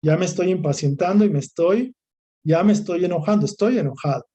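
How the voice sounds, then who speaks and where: A man's voice: high voice, brisk, mellow, highs cut off. A man with a Mexican Spanish accent giving a recorded course lecture, talking in a discursive way that repeats, lists and restarts phrases. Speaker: course instructor.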